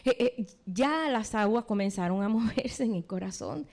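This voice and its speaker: A woman's voice: mid-range voice, expressive, moderate pace, darkish tone. A woman preacher giving a sermon, retelling a scripture story and addressing the congregation directly.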